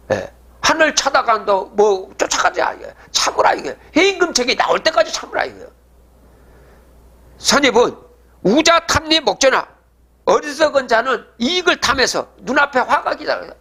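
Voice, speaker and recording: A man's voice: extremely high pitch, pushed and bright. A man giving a religious prophecy lecture, asking rhetorical questions and answering them himself, and checking in with the audience.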